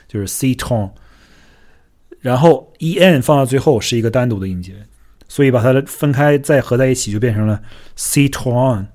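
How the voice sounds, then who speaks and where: Guy doing a solo podcast, chill mid voice, kinda self-mocking, tosses in english words, slows down for hard words. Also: medium pitch, a little mellow. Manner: chatty and self-deprecating, slips English words into his talk; slows down to sound out foreign words carefully. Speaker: podcast host. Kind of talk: casual solo podcast talk.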